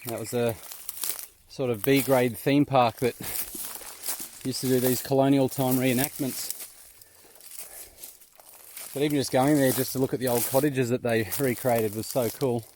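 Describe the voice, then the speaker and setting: Speaking at a measured pace with long pauses, this Australian amateur mine explorer from New South Wales delivers a flat, casual vlog chat outdoors in the bush. His mid-range voice is a little mellow. He comes across as relaxed, slangy and self-deprecating, with slight background noise.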